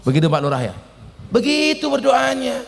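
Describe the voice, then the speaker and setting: A man preaching a humorous sermon to a crowd at an outdoor mosque event, teasing his listeners and jumping between loud exclamations and low asides. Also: big pitch swings, normal speed, vocal fry, in a large hall.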